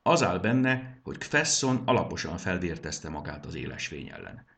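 A man's voice: low voice, big pitch swings, creaky, a bit bright, heavily acted. A man doing a grave, worried chieftain. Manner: solemn. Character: grave, worried leader of a creature folk.

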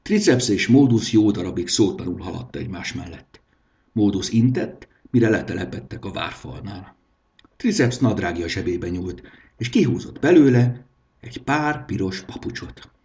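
A man narrating a storybook in a lively, expressive reading. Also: sits low, gravelly.

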